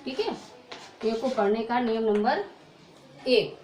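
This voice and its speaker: A woman's voice: fairly high pitch, very animated, darkish tone. Woman teaching pronunciation. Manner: repetitive call-and-response questioning; drawn-out modeled words. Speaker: English teacher. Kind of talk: pronunciation lesson. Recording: echoey room with faint background noise.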